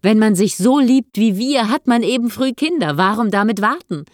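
A woman voicing an eager, adoring young man who is overjoyed to marry, speaking warmly and tenderly, in an audiobook. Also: fairly low pitch, normal speed, no room sound, studio quality, natural voice. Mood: joyful. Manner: warm and tender.

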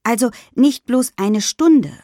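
A woman's voice: a little high, animated, slow pace, warm tone, no echo, clean studio sound, pitched above the performer's own voice. A woman voicing an unsure young schoolgirl who rambles and hesitates.

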